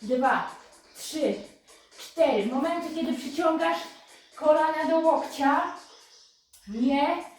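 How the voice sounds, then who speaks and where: A female fitness instructor coaching a live workout, counting reps and giving brisk, encouraging cues while she exercises, sometimes short of breath. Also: high-pitched. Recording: echoey room, voice from a distance, music behind.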